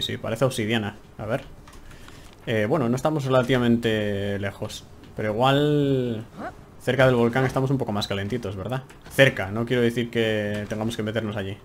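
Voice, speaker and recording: Over slight background noise, a medium-pitched young man with a Spain Spanish accent streams a game from home. His let's-play commentary is casual, chatty and full of exclamations, and he talks to himself while playing.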